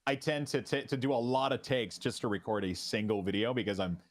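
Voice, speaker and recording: A French Canadian man whose first language is French chats casually as a guest on a streamer's interview. His mid-range voice sounds relaxed, and he speaks haltingly, restarting often.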